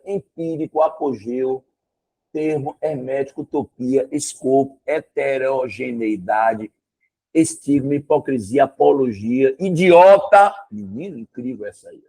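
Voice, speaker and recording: Speaking in a slightly rough, medium-pitched voice, a man with a Brazilian Portuguese accent tutors one student over a video call in a casual lesson. He's emphatic and animated, with plenty of exclamations and rhetorical questions.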